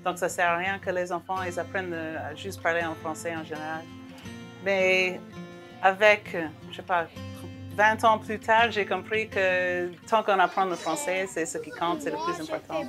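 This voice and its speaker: A woman's voice: lowish voice, normal speed. A woman gives candid opinions in an interview. Faint guitar music runs underneath. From Louisiana, United States. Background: soft guitar music.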